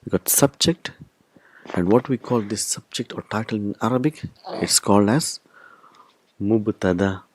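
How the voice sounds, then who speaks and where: Low-voiced man teaching a language lesson. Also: moderate pace, long pauses, no room sound. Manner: explains step by step, repeats key terms. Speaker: Arabic teacher.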